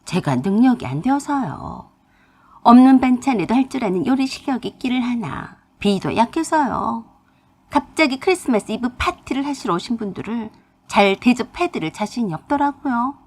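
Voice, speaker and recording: A woman's voice: a little high, lively intonation, moderate pace, darkish tone, slightly rough. A woman telling a personal family story in first-person narration, confiding and emotional.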